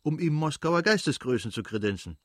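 A man's voice: a little high, animated, a little fast, dry recording, pitched above the performer's own voice. A man doing a hearty, effusive nobleman. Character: jovial sociable middle-aged nobleman.

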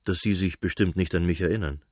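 A reserved young officer, polite and restrained with a cool edge, read by a male narrator in a low voice. The sound is close and dry. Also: fairly even intonation, quick pace, darkish tone, slightly rough, no echo.

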